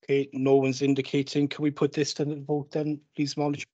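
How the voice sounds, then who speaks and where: Guy chairing a council meeting, slightly high voice, reading agenda items into a desk mic in a big chamber. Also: monotone, fairly quick, a little mellow, lo-fi sound. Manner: reads agenda items and calls on speakers.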